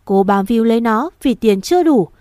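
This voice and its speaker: A woman's voice: a little high, lively intonation, normal speed, no room sound, studio quality, lightly acted. A woman reading a story aloud, voicing an angry wealthy grandmother who scolds and hurls insults. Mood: furious. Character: scornful wealthy old grandmother, furious and contemptuous.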